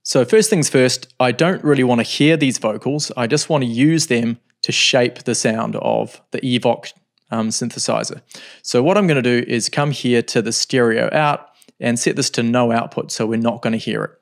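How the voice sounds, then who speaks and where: A middle-aged man with a mid-range voice and some vocal fry walks through a music software tutorial step by step. He's relaxed, pausing to think, and records at a desk in his home studio.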